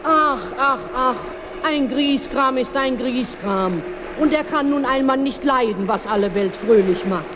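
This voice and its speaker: A woman voicing a wise, kindly old grandmother who is the sea, speaking gently in a children's radio play. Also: high-pitched, unhurried, noisy background. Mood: gentle.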